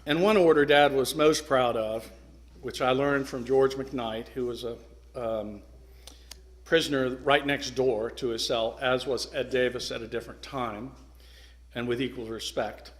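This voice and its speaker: A middle-aged man giving an earnest, emphatic speech to a club, pausing for effect and sometimes restarting his sentences. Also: medium pitch, fairly even intonation. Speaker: guest speaker.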